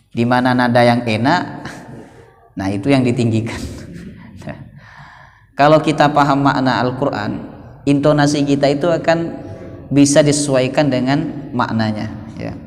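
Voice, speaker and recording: A male Quran teacher gives a tafsir sermon in a mosque. He chants Arabic verses slowly and puts rhetorical questions to the congregation. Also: medium pitch. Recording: long reverb of a mosque hall.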